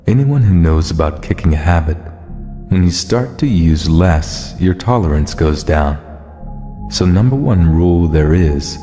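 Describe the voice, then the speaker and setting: A man reading a first-person horror story as scripted narration, in a steady, low-key way. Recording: long reverb over music. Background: soft music.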